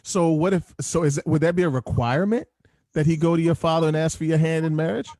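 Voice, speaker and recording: A man's voice: fairly high pitch, steady tone, fast talker, mellow, no echo. A man hosting a casual group call discussion, conversationally prompting others with questions.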